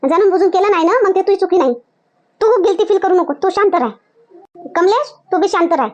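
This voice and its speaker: Rural comedy skit: a woman as a scolding, protective mother, Varhadi Marathi accent, very high and fast. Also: a little mellow. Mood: firm. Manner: scolding, insistent, repeats points. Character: village mother, firm and protective of her daughter.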